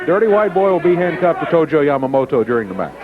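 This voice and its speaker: A man's voice: a little high, big pitch swings, fast talker, background noise. A man interviewing a wrestler for television, stumbling as he reads out the match rules, on a muffled old tape. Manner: stumbling over his reading, needling. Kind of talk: broadcast interview. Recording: muffled 1980s TV tape with music.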